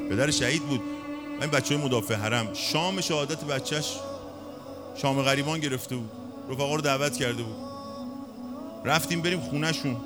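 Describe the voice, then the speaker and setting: Male eulogist, impassioned half-chanted lament, mid-pitched voice, steady music underneath. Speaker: religious eulogist. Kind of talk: mourning sermon recital.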